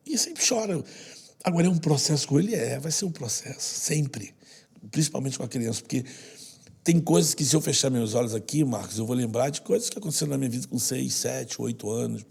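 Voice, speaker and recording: A man from Brazil, a podcast guest, telling personal stories in an earnest, heartfelt way and sometimes dropping to a soft hush. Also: mid-range voice, lively intonation, a little fast. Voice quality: gravelly and very husky. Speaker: podcast guest, social project leader. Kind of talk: personal storytelling in conversation.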